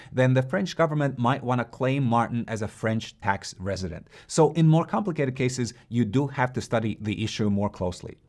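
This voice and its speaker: A man hosting an investing channel, giving a direct, brisk scripted explainer while walking through a website. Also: mid-range voice, a little mellow. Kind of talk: scripted explainer with screen walkthrough.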